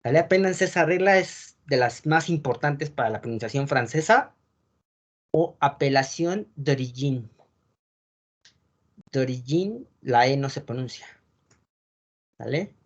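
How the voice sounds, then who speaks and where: A man's voice: medium pitch, expressive, measured pace. Man teaching an online class. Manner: explanatory, checks in with frequent tag questions. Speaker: wine course teacher.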